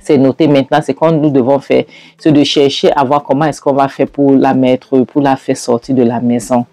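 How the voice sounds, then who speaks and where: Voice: medium pitch, flat delivery, moderate pace, mellow, no echo, faint music behind. Hesitant storyteller retelling a film. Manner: hesitant, with fillers and acted quotes.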